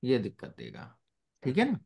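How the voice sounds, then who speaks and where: Lively-voiced male teacher checking on students. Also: medium pitch, normal speed, creaky, breathy edge. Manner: keeps checking that students follow; mixes English phrases into his explanations. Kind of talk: live classroom lesson.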